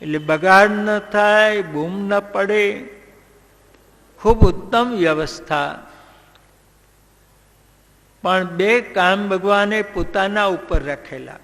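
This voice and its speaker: A man telling a devotional story in a slow, measured way, breaking into song now and then. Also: high voice, fairly bright tone. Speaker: religious storyteller. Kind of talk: devotional storytelling with sung passages. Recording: long hall reverb.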